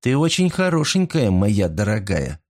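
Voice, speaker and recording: A man voicing a cold, scheming young woman who speaks in a deliberate, icy way, in a storybook reading. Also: mid-range voice, animated, darkish tone, voice pushed up, close to an everyday voice. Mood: icy, calculating.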